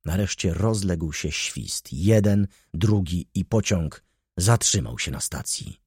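A man reading a novel aloud as an audiobook narrator, with an expressive, lively delivery. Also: sits low, takes it slowly, husky, no room sound, clean studio sound. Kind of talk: scripted narration.

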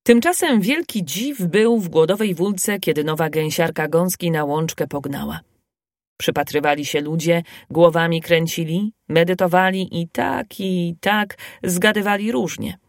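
A woman narrating a storybook in an expressive, melodic way. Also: on the low side, unhurried, no room sound, clean studio sound. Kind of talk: storybook reading.

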